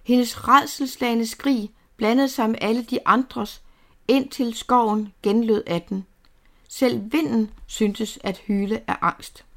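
A woman's voice: on the high side, steady tone, fairly bright tone. Woman narrating a dramatic novel. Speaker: audiobook narrator.

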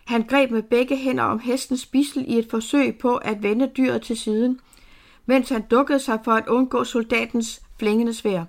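A woman's voice: fairly high pitch, steady tone. Woman narrating a dramatic novel. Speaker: audiobook narrator.

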